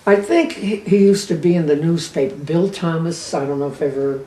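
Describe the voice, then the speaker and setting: A woman's voice: low voice, dark tone. Elderly American woman veteran remembering, roomy recording. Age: 80s or older. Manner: old veteran recalling memories in short, halting phrases. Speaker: war veteran being interviewed. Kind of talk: unscripted reminiscing. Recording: roomy, distant microphone with faint noise.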